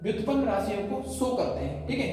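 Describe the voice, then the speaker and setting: A man's voice: high voice, expressive, fast talker, darkish tone. Male teacher lecturing in a classroom, far from the mic with a long echo, quizzing his students as he explains. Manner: explains step by step, keeps asking students questions. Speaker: physics teacher. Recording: echoey room, far from the mic, faint noise.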